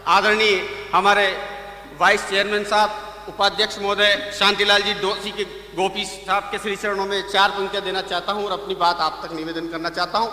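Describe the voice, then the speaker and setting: Male stage comic poet, very high and piercing, sharp bright tone, recorded from far off in an echoing hall, jokes build to shouted punchlines. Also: level tone, moderate pace. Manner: joke-telling with rising, shouting punchlines. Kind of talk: stand-up comic poetry at a live poets' gathering. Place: outdoor fair stage.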